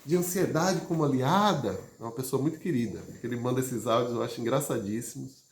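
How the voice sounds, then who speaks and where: A man leading a live session, moving between loud emphasis and soft, gentle speech. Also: medium pitch, fast talker. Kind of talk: live talk to an audience. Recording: roomy, echoey sound.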